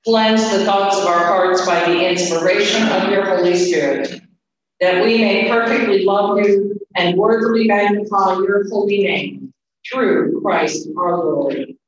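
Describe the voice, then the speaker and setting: A man leading a church liturgy, reciting prayers in a measured, formal way, with the cathedral echo of a large church around him. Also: high voice. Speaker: worship leader. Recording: echoey church hall from far off, dull, noisy.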